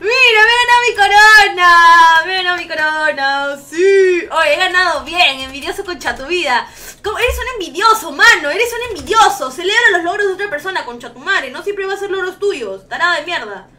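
A woman's voice: extremely high pitch, a little fast, few pauses. A young woman streaming a game live, chatting with viewers, shrieking and swearing as she plays. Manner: excitable, shrieks and swears while playing.

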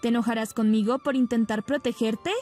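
A woman's voice: fairly high pitch, steady tone, fairly quick, a little mellow, soft background music, close to an everyday voice. Older matriarch, firm and unyielding, read plainly by a woman narrator. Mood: defensive. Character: stern older grandmother matriarch.

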